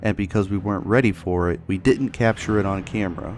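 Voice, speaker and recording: Male paranormal investigator, lower register, scripted documentary narration over faint music. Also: fast talker. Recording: music behind the voice. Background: background music.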